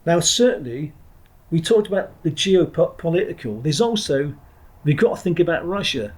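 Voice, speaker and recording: A middle-aged man from England, formerly a Marine trainer, reflects on his life in a podcast interview. His voice is on the high side and slightly rough, with lively intonation at a normal speed. He speaks bluntly and digressively, with frequent restarts and the odd expletive.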